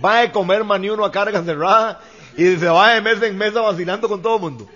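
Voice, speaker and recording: High bright Costa Rican comedian. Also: male voice, fast talker, a faint crowd. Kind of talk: stand-up joke telling. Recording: lo-fi dull recording.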